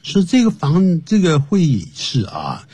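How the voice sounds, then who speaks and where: A man's voice: a little high, huge pitch swings, measured pace, mellow, breathy edge, no echo. A man co-hosting a radio English lesson, explaining words and usage patiently. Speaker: English teacher, radio co-host. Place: radio studio.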